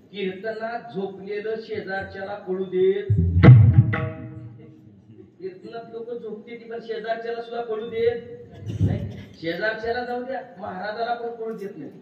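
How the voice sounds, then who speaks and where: A man with a rural Marathi accent preaching a kirtan sermon, telling humorous stories and breaking into sudden loud exclamations. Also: sits high. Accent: Marathi rural Maharashtra. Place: large pavilion at a kirtan gathering. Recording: far-off echoey hall mic, slightly dull, noisy.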